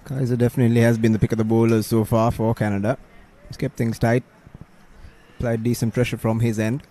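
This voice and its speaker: A man commentates on live cricket in a soft-edged, dark-toned voice. His pitch sits in the middle range for a man. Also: little pitch movement, fairly quick.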